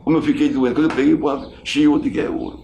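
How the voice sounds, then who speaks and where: An older man, recounting what he saw in quick, halting bursts full of restarts. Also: fairly high pitch, steady tone, vocal fry, dark tone, slight background noise. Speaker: eyewitness interviewee. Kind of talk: storytelling recollection. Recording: roomy echo.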